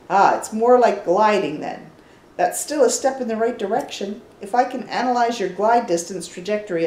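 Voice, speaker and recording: An older woman voicing an excitable, fussy male researcher obsessed with birdmen, reading game dialogue aloud in a lively, theatrical way. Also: medium pitch, lightly acted. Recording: roomy echo.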